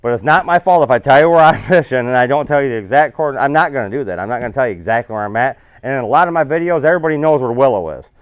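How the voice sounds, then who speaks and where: A man's voice: mid-range voice, lively intonation, racing, hardly any pauses, clear, resonant tone, no echo. A man giving a casual, rambling, folksy seminar talk about fishing to an audience. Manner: rambling, folksy, self-correcting.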